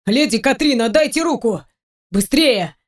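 A woman reading an audiobook voices a wounded young male swordsman who speaks formally and politely, in a slightly lowered voice. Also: lively intonation, unhurried. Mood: urgent. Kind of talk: audiobook character voice.

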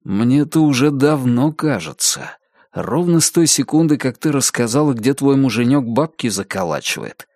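A man's voice: expressive, normal speed, darkish tone, no echo, clean studio sound. A man reading an audiobook, voicing the impatient inner thoughts of a sardonic police detective. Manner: brusque inner thoughts, low voice.

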